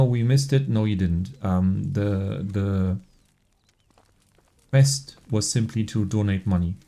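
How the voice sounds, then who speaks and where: A man hosting a gameplay video, telling a joking story and chatting casually in a wry, relaxed way. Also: lowish voice. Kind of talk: playful storytelling narration and casual gameplay commentary.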